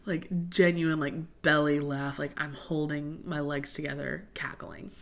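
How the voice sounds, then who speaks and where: This young woman from the American South speaks a little slowly in a deep, creaky voice with little pitch movement. Hosting a laid-back livestream, she fields viewer questions, laughing frequently and sniffling from sinus drainage.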